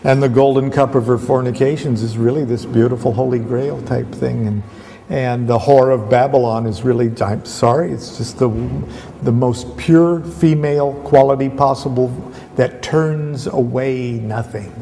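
A man giving a rambling spoken lecture, halting and repetitive, restarting often. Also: mid-range voice, fairly even intonation, vocal fry, mellow, big-room sound, slight background noise. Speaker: esoteric lecturer.

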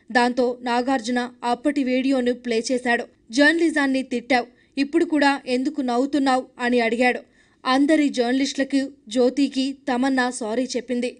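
Lady news voice-over, high pitched, steady recap reading. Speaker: news narrator.

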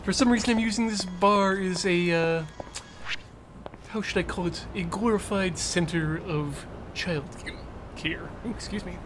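A man's voice: high voice, slow, noisy background. A middle-aged man giving casual, wry gameplay commentary as a streamer, with dry asides. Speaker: streamer playing a video game.

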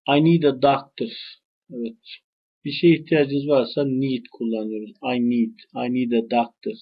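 A man with a Turkish accent leads a language lesson. His voice is husky and sits at an ordinary middle pitch, and he models each English phrase slowly and deliberately. The recording sounds dull and lo-fi. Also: steady tone. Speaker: English teacher.

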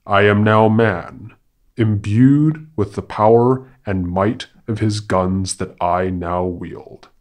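A man's voice: lowish voice, slow. A man voicing a boastful male monkey who proclaims himself a man, speaking in a grandiose, declaiming manner.

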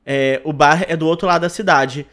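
A man reading out the lines of a young boy in a horror game, who asks for help finding his teddy bear, slowly and hesitantly. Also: a little high, fairly bright tone, pitched below the performer's own voice, close to an everyday voice. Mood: polite.

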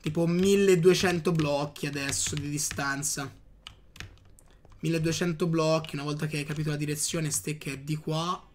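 A man giving casual gameplay commentary, chatting to his viewers with excitable outbursts. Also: on the high side, normal speed, slight background noise. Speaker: gaming youtuber.

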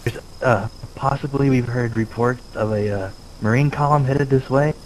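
A man's voice: medium pitch, fairly even intonation, moderate pace, slight background noise, lightly acted, poor audio. A man acting a jittery TV reporter covering a zombie outbreak in an improvised video game role-play. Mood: uneasy reporting.

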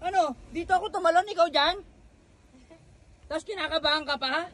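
A man from the Philippines vlogging outdoors on a beach island, narrating excitedly and calling out to friends and viewers on a handheld camera. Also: extremely high pitch, brisk. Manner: exclaiming, calls out to friends and viewers. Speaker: travel vlogger. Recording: wind and surf noise outdoors.

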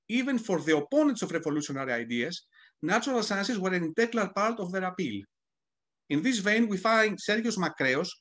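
A man delivers a prepared academic talk in a scholarly, measured way, pausing to correct small slips. His voice sits high and moves animatedly up and down across his phrases. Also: a bit bright. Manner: scholarly, careful, occasional self-corrections. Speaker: academic panel speaker. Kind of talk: reading a prepared historical lecture.

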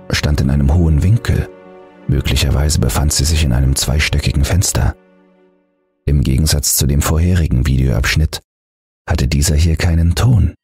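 A man with an extremely deep voice narrates a horror audiobook in a calm, measured way. Faint background music sits beneath his reading.

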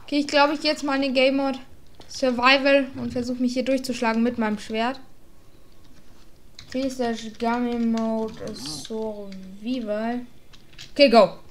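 A woman giving casual, slangy gameplay commentary, excitable and exclaiming, talking both to her viewers and to the creatures in the game. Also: on the high side, unhurried, slight background noise. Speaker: gaming YouTuber.

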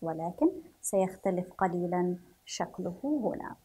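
Slow, breathy-voiced woman teacher. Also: fairly low pitch, animated. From Yemen. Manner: spells syllables slowly and repeats words for children to follow; gently encouraging, praises the class. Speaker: primary school teacher. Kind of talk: children's reading lesson.

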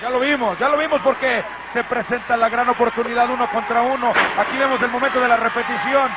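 A man with a Mexican accent calling wrestling play-by-play as a commentator, excitedly repeating words for emphasis. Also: extremely high pitch, fast talker. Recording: dull lo-fi TV audio, very noisy arena. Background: loud arena noise.

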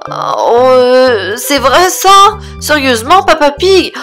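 A woman voicing a polite, timid young male cartoon puppy with hesitant, drawn-out words. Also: high-pitched, sing-song, a bit bright, soft background music, heavily acted. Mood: anxious. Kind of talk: cartoon toy-play story.

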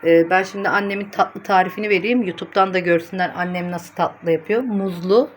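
A woman's voice: on the low side, steady tone, brisk, slight background noise. A woman vlogging casually to her phone camera, chatty, blunt and teasing, with a way of talking.

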